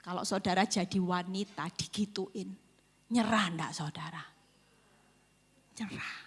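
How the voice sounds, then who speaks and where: A woman's voice: fairly low pitch, unhurried, slightly rough. Emphatic woman testifying in a hall. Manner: emphatic, repeats phrases, keeps addressing listeners as "brothers and sisters". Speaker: women's prayer fellowship leader giving testimony. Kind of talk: emotional church testimony. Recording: long hall reverb.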